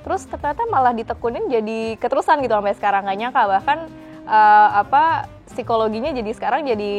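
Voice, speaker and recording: A woman chatting informally to viewers as a channel host, answering questions and making announcements. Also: a little high. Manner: chatty, informal, speaks directly to friends watching. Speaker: automotive presenter and channel co-host. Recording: music behind the voice. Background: background music.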